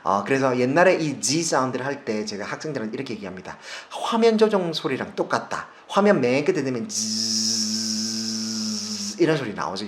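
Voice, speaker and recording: A man's voice: mid-range voice, a bit bright, a little hiss or hum. A man from South Korea, in his forties, teaching English pronunciation in a video lesson, repeating sounds for drills with emphasis.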